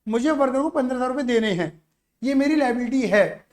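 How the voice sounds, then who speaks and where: Male teacher, very high voice, animated classroom style, checks in with students nonstop. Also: a little fast. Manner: keeps asking students "yes or no" to check understanding; animated, acts out little stories to explain. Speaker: commerce teacher. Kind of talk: classroom-style accounting lesson.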